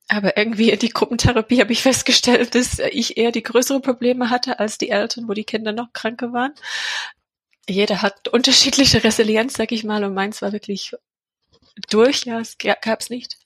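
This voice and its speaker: A woman's voice: on the high side, a bit bright, breathy edge, no echo. A woman in her thirties from England with an English accent, speaking German in a hesitant personal testimony, full of fillers and restarts. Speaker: mother of a child with a heart defect.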